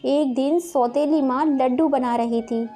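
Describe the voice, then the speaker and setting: A woman narrates a moral story in a steady, plain manner. Her voice sits high. Soft music plays faintly behind her. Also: unhurried.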